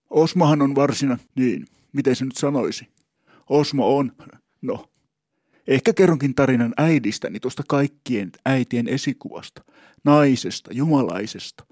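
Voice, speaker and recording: A man's voice: mid-range voice, darkish tone, dry recording, studio quality. A man telling a humorous story about himself in a rambling, wry, mock-solemn way, often stopping and restarting his thoughts. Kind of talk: humorous first-person storytelling.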